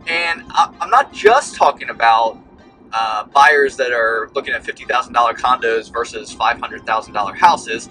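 A middle-aged man hosting a casual coaching podcast on the go, talking in a halting, rambling way with emphatic repetition, through a poor cheap mic. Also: medium pitch, sharp tone. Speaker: podcast host, real estate broker. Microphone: low-quality portable mic. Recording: poor cheap mic sound, faint music.

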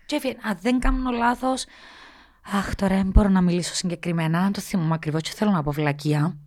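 A young woman co-hosting a casual podcast conversation with a Cypriot Greek accent. She talks in a lively, expressive way and readily backs up her co-host. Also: medium pitch. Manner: lively and expressive, quick to agree. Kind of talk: casual chat.

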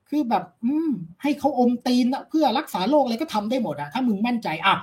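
Male philosophy lecturer guest, rapid-fire, blunt and crude, lectures with confidence. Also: extremely high pitch, lively intonation, a little mellow. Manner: blunt, uses crude casual speech. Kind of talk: casual chat interview.

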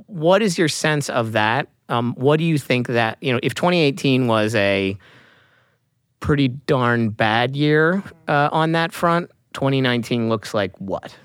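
A man's voice: medium pitch, lively intonation, unhurried, fairly bright tone, clean tone, no room sound, studio quality. Wry middle-aged male podcast host. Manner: wry, joking, asks long rambling questions. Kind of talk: casual podcast interview.

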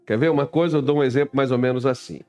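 Um homem pregando um sermão informal com humor, conversando com a congregação e imitando vozes de fiéis. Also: male voice, mid-range voice, fairly even intonation, racing, darkish tone, muffled recording, soft background music. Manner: chatty, acts out voices of churchgoers; directs someone to put up Bible verses. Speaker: preacher. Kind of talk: informal sermon with humorous asides.

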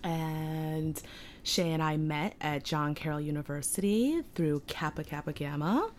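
A woman's voice: sits low, measured pace, darkish tone, a little hiss or hum. An American woman in her thirties chatting casually as a podcast guest, playful and self-deprecating. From New York and Ohio, United States. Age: 30s. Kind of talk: casual chat.

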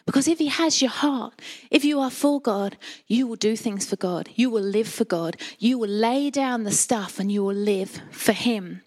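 High-pitched Essex woman preaching. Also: moderate pace, a little mellow. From Essex, England. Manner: chatty, colloquial, uses rhetorical questions. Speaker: church preacher. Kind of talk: sermon with chatty personal storytelling.

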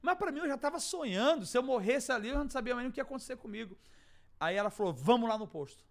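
High-voiced Brazilian man telling a dramatic story. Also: expressive, rapid-fire, creaky. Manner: dramatic, acts out dialogue, swings from hushed to shouting. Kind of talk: animated testimony storytelling.

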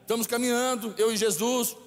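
A man's voice: extremely high pitch, steady tone, a little fast. A man with a Brazilian Portuguese accent preaching a sermon as a bishop, emphatic and repeating lines for the congregation to echo. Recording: echoey hall with faint music.

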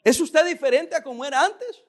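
A male pastor preaching a sermon in a calm, conversational way, with occasional emphatic rises. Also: extremely high pitch, brisk.

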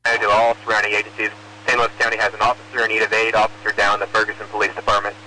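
A man working as an emergency dispatcher, calling out alerts in rapid, flat, repeated phrases over a police radio channel. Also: on the low side, a little hiss or hum, low-quality recording. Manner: rapid, flat, repetitive call-outs. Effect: police radio transmission. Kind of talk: clipped radio dispatch calls.

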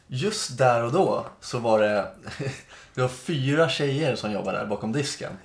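A man's voice: mid-range voice, expressive. A man in his twenties, a podcast co-host, rambling through a casual story and acting out the dialogue. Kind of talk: casual chat. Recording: echoey room.

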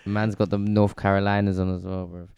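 A man's voice: deep voice, level tone, brisk, darkish tone, clear, resonant tone, no echo. A man with a London roadman accent chatting casually as a podcast co-host. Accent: London, urban slang. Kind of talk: casual chat.

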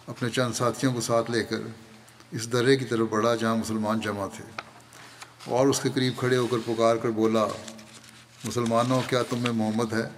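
A man delivering a Friday sermon in Urdu, telling the story at a measured pace and slowing down to recite Arabic phrases. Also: mid-range voice. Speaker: spiritual leader giving a Friday sermon. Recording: long hall reverb, faint background noise.

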